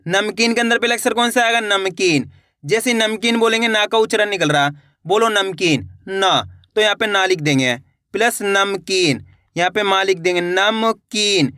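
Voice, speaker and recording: Bright-voiced reading teacher. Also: male voice, sits high, dry recording, clean studio sound. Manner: addresses viewers as friends, drawn-out syllable-by-syllable reading. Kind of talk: slow spelled-out reading lesson.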